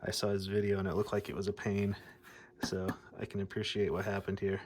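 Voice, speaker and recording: An American radio hobbyist from the Midwest narrates a hands-on repair video, speaking informally and thinking aloud. His voice is lowish, completely flat, and a little fast.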